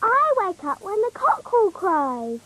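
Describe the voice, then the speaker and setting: A woman's voice: very high voice, huge pitch swings, measured pace, noisy background, exaggerated voice. A woman voicing a sweet, eager little fairy princess in a children's cartoon, curious and childlike, with a British accent. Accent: British English. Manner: curious, childlike, wide-eyed.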